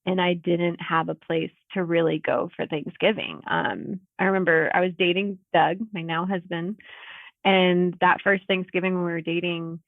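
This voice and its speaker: Her pitch sits fairly low and turns creaky, with mostly even intonation at a normal pace. She's in her thirties, guesting on a podcast by video call and chatting casually amid frequent laughter and fillers. The tinny, phone-like audio carries no echo.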